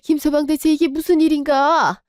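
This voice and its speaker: A woman's voice: high voice, flat delivery, normal speed, a little mellow, no room sound, studio quality, close to an everyday voice. A woman voicing an outraged protective mother. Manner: indignant, protective. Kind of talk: Korean radio drama.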